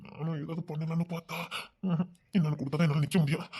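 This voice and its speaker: A man's voice: fairly high pitch, flat delivery, racing, dark tone, slightly rough. An actor playing a restless young man in love, fretting aloud and pleading to elope in an audio drama. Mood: worried scheming. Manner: fretful rambling inner monologue, then pleading.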